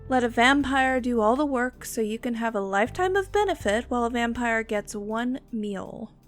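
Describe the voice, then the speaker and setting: In an ASMR roleplay, a voice actress plays a bossy, world-weary yet protective female vampire, speaking haughtily, condescendingly, and deliberately in her natural, slightly high voice. Her mood is scornful, and faint music plays in the background.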